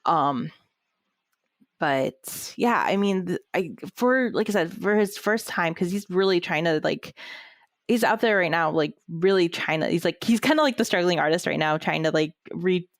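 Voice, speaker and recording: A woman with a lowish voice and lively intonation co-hosts a podcast at a moderate pace, reviewing music in a rambling chat packed with fillers and restarts. Audio is studio quality with no echo.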